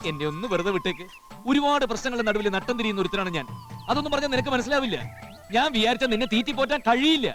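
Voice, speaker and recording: A man's voice: extremely high pitch, lively intonation, very fast, fairly bright tone, soft background music. An actor with a Malayali accent playing a hapless broke young man, pleading and whining in a film comedy scene.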